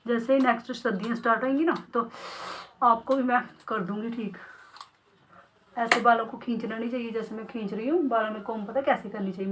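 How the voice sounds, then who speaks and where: A woman who owns a beauty salon, chatting casually in her vlog. Her voice sits a little above the usual for a woman. There is steady, clearly audible noise behind her. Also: a little high, poor audio. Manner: chatty, talks straight to viewers and a pet parrot.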